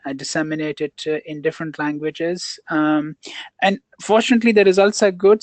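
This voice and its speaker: Over a video call, a counselor and program researcher answers webinar questions in a mid-range voice, with lots of fillers and restarts. There is no room sound.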